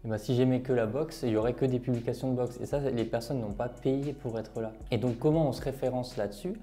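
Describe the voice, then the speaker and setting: A man's voice: medium pitch, steady tone, quick pace, warm tone, soft background music. A young French man, an online marketing creator, talks through a step-by-step tutorial, full of fillers and rhetorical questions. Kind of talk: screen-share tutorial talk.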